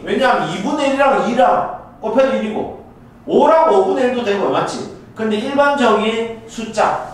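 A man with a Gyeongsang Korean accent teaching a math class, recorded on a camcorder in a classroom, who walks through each step and keeps checking that the students follow. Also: high voice. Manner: checks in with students after nearly every step. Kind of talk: classroom lecture. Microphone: camcorder in the room. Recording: echoey classroom from far off, faint hiss.

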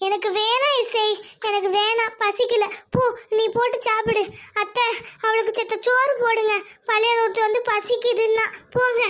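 High, bright cartoon wife, weary, stubborn, refusing help, voiced by a woman. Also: little pitch movement, normal speed. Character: proud, stubborn sick village wife. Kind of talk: cartoon voice acting.

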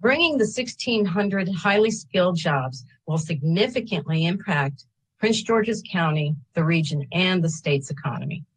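A woman reads a prepared statement of support into her webcam at a public hearing. Her voice sits low and a little husky. She goes steadily through figures, pausing to correct small slips. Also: lively intonation, rough recording. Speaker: state agency representative giving public testimony. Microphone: computer webcam on a video call.

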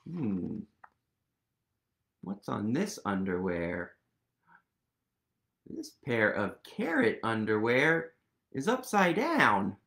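This man in his thirties reads a children's picture book with animated, playful wonder and questions for his listeners, indoors in a small room at home. His lowish, fairly bright voice swings widely in pitch, moves very slowly with vocal fry, and leaves long pauses.

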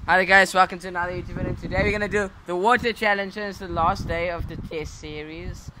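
High-pitched teenage boy vlogging, noisy outdoors. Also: steady tone, a little fast. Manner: giggly, teasing. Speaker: vlog host behind the camera. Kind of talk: casual playful banter. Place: outdoors in a backyard. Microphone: handheld phone camera. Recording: noisy outdoor phone recording.

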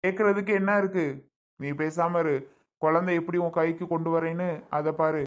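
A woman's voice: fairly low pitch, steady tone, normal speed, close to an everyday voice. A woman voicing a hot-tempered young husband who talks in curt, blustering commands. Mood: angry.

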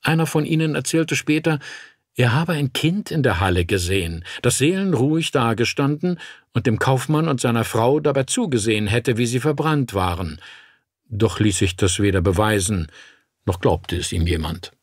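A man narrating a dark fairy-tale audiobook in a measured, dramatic way. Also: medium pitch, animated, dry recording, studio quality.

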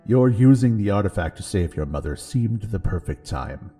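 An ancient dragon god, gentle and immense, speaks in slow, grave tones, as a man puts him on. The voice sits low and mellow with a slightly husky edge. Faint instrumental music plays underneath. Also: lively intonation. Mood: gentle, solemn. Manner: slow, solemn, gentle delivery. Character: ancient dragon god, calm, vast, kindly.

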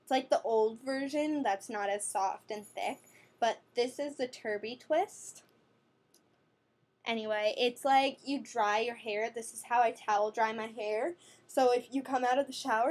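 This New York City teen beauty vlogger has a slightly high, darkish voice, steady in tone and unhurried. Filming on her desk webcam in her bedroom at night, she reviews skin products in a rambling, chatty way, full of fillers and corrections.

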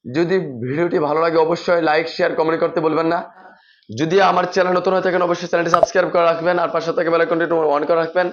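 A man's voice: on the high side, little pitch movement, racing, lo-fi sound. A man teaching Bangla letters, reciting each one and contrasting common wrong pronunciations with the correct ones. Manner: addresses viewers as brother, repetitive teaching phrases. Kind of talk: pronunciation lesson.

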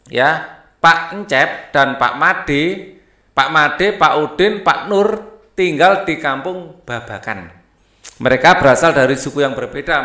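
A man's voice: a little high, sharp tone. A man teaching a primary school lesson, reading the textbook aloud with chatty asides. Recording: echoey room.

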